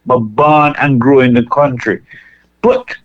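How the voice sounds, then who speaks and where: A man's voice: mid-range voice, steady tone, a crowd in the background. Jamaican man calling in over phone line. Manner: earnest, measured, thinks aloud with restarts. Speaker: caller. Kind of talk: phoned-in call to a radio show.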